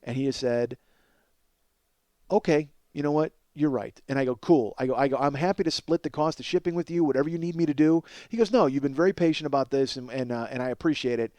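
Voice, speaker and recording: Talking fast in a mid-range, slightly mellow voice with no room sound, a man in his forties hosts a comedy podcast. His story rambles, runs on self-deprecation and swearing, and features him performing both sides of each conversation.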